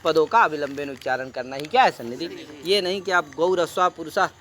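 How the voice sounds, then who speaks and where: High bright-voiced teacher guy, reciting and explaining, quizzing students nonstop. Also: brisk. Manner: quizzing students with repeated questions; mixes Sanskrit recitation with Hindi explanation. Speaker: Sanskrit teacher. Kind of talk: classroom lecture.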